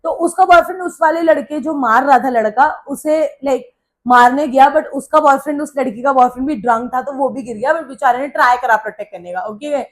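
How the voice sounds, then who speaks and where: A young woman vlogger telling a story in a casual, animated way, mixing Hindi with English phrases. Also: high-pitched, fairly quick.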